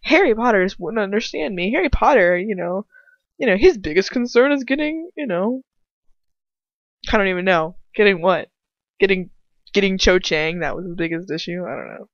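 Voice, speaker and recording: Sarcastic and fed up, this amateur fan fiction commentator talks through a story in a loose, rambling, blunt manner and curses without restraint. She speaks at medium pitch and moderate pace, expressively, on a dry, dull lo-fi home recording with no echo.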